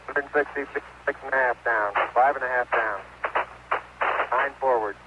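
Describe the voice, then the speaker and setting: A man's voice: medium pitch, moderate pace. A man in a lunar lander giving clipped, matter-of-fact radio callouts over a space radio link with beeps and static. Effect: space radio transmission with beeps and static. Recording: noisy, dull radio transmission from space.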